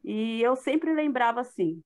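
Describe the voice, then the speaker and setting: In a live talk, a middle-aged woman with a Brazilian Portuguese accent offers a reflective, earnest testimony as guest speaker, peppered with fillers. Her voice is on the high side with a darkish tone, expressive and a little slow.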